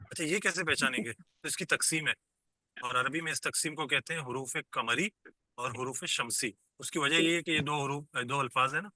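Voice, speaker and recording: A man's voice: mid-range voice, pushed and bright, no echo. A man teaching an online class, explaining patiently step by step and quizzing his students as he goes, heard over a video call.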